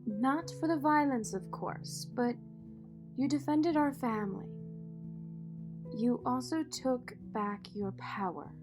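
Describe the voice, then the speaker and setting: Over background music, a woman with a high-pitched voice plays a poised, protective, wealthy mother who is also an executive in an audio drama. Her delivery is measured, polished and dryly witty, carrying a proud, tender mood.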